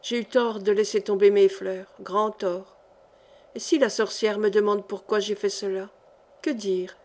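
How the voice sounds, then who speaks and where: A woman's voice: medium pitch, steady tone, a little slow, a little mellow, natural voice. A woman reading the part of a timid, pious young girl with a childlike, innocent manner in an audiobook. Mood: anxious.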